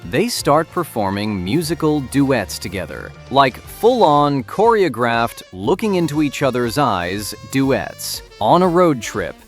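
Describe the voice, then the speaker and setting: A man's voice: medium pitch, very animated, slow pace, hardly any pauses, soft background music. A man delivering scripted video essay narration in a wry, emphatic way.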